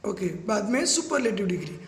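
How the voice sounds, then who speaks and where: A man teaching English grammar step by step, spelling words out letter by letter and reading English definitions slowly. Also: sits high, lively intonation, creaky, reverberant. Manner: mixes slow English definitions into quick explanations. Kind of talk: classroom-style grammar lesson.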